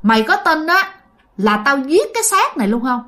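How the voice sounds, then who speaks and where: A woman's voice: high voice, big pitch swings, moderate pace, pitched above the performer's own voice. A woman with a Southern Vietnamese accent voicing a possessed young man who threatens his mother in a ghost story. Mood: menacing. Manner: threatening, shouted menace.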